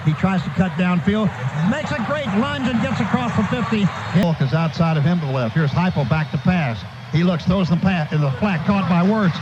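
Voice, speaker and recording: A man calls a football game live on radio from a stadium broadcast booth, describing the action in short, clipped phrases. His high voice is expressive and moderately paced, and the lo-fi broadcast is noisy with stadium sound.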